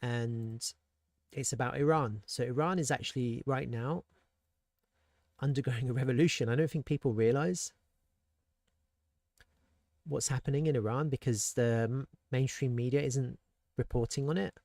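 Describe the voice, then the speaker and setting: A man talks through market charts in a loose, thinking-aloud way, tossing in rhetorical questions and restarting sentences. His voice sits in an ordinary middle pitch. The recording is dry and close, with no room sound around it. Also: moderate pace, pauses often, darkish tone, dry recording. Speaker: crypto market analyst. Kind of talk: casual market commentary.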